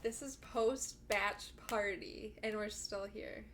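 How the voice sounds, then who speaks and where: A woman's voice: medium pitch, fairly even intonation, slow pace, background noise. A young woman co-hosting a podcast in casual chat, chatty and laughing often, with a lot of "like". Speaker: podcast co-host.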